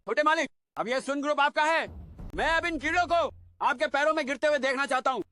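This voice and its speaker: A devoted old family servant, high and hurried. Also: male voice, bright, forceful tone. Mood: urgent devoted. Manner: hurried, deferential, commanding to underlings. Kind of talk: dubbed short drama.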